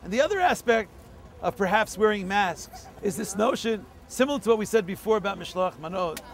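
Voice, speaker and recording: A man's voice: high-pitched, creaky. A man, a rabbi, giving a holiday video message outdoors in a city, teaching through stories and Hebrew quotations.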